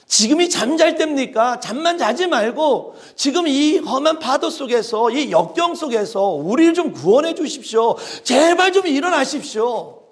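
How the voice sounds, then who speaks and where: A man's voice: extremely high pitch, expressive, normal speed, few pauses, voice pushed up. A man voicing frightened male disciples who beg to be saved from a storm at sea, in an urgent, raised, pleading voice. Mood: desperate pleading. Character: panicked male disciples begging on a storm-tossed boat.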